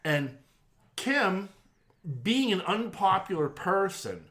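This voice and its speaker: A middle-aged man tells an old story on a casual podcast. His voice sits fairly high and sounds bright, and his pitch jumps around a lot. He swears freely, acts out each line of dialogue and laughs often. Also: slow pace, slight background noise. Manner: profane, animated storyteller who acts out quotes and laughs often. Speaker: podcast co-host.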